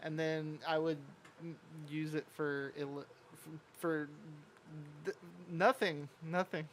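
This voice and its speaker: A man's voice: a little high, fairly even intonation, slow pace. A man co-hosting a podcast in casual, conversational banter. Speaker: podcast co-host. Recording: noticeable background noise.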